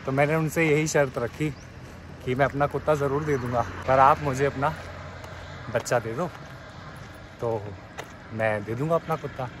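A man's voice: mid-range voice, moderate pace, long pauses, background noise. A man talking casually to camera as a walking travel vlogger, chatting with his viewers as he walks along a road outdoors. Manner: chatty, addresses viewers as brothers and guys; talks while walking on foot. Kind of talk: casual vlog talk to camera. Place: outdoors by a roadside.

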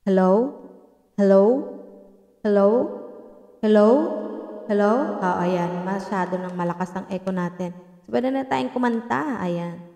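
A woman vlogger with a medium-pitched, slightly mellow voice chats casually into her microphone while demoing a portable sound card. She mixes English into her talk and uses lots of fillers.

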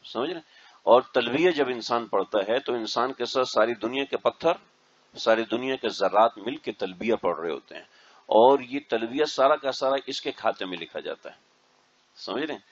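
A mufti addresses a group of pilgrims in an instructional religious talk, repeatedly checking that they follow him. His medium-pitched voice is animated, and the recording is dull and lo-fi.

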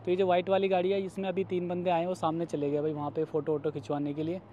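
A man's voice: high voice, completely flat delivery, fast talker, lo-fi sound, slight background noise. A man in his thirties from India, chatting casually to viewers as he vlogs outdoors on city streets at night, phone held at arm's length. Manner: chatty, addresses viewers as guys and brother. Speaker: vlogger. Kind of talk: casual vlog narration.

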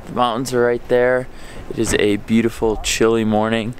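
A man's voice: mid-range voice, flat delivery, normal speed, slight background noise. A young man talking casually to a handheld camera as he travels on a road trip, upbeat and chatty. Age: young adult. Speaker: travel vlogger. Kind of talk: casual travel vlog narration. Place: outdoors and in a room on a road trip. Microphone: handheld camera at arm's length.

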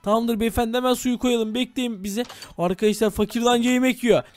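A man's voice: very high-pitched, steady tone, brisk, no echo. A man hosting a game role-play video, talking dramatically to viewers and exclaiming as a village head.

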